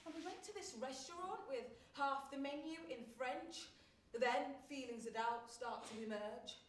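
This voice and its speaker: A woman's voice: high voice, moderate pace, recorded from a distance, slight background noise, close to an everyday voice. A young woman acting in a stage monologue, playing a recent graduate in a wry, self-mocking and dramatic way, laughing between her lines. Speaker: stage actress performing a monologue. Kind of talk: theatrical monologue. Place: theatre stage. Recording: roomy theatre sound from afar.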